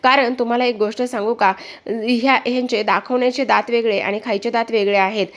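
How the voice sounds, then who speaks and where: Brief: woman reading a sharp-tongued accuser, blunt and insistent, higher voice. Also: steady tone, brisk, lightly acted. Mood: accusing.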